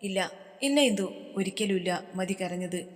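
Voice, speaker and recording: A woman's voice: medium pitch, measured pace, big-room sound, natural voice. A woman narrator voicing a stern, protective young man in a storybook. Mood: soothing. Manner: cold, threatening.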